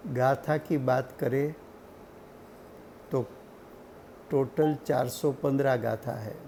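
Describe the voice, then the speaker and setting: Man, scripture teacher, gravelly voice, mellow tone, slow and deliberate, faint hiss behind. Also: mid-range voice, steady tone. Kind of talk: religious study lecture.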